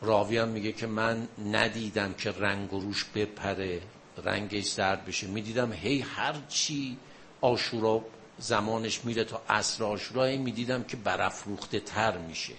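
Low-voiced man preaching a mourning sermon. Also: steady tone, a bit bright, a little hiss or hum. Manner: narrates with rising emotional intensity. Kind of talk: mourning sermon retelling a martyrdom story.

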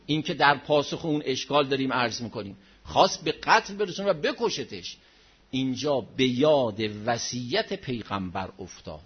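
A man preaching a dramatic religious story, rising to loud outcries and dropping to hushed low passages. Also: husky. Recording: dull lo-fi recording.

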